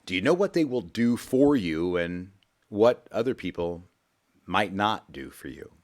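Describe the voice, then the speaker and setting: In a radio studio, a man hosts a financial show in a low, darkish, sing-song voice at a measured pace. He rambles folksily and repeats himself, blending easygoing talk with a sales pitch.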